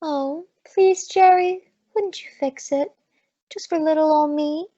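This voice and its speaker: High-voiced wisecracking Maisie, played by a woman. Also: a little slow, warm tone, no room sound. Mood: coaxing. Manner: sassy, slangy delivery. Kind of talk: old-time radio comedy acting. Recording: dull lo-fi close dry recording.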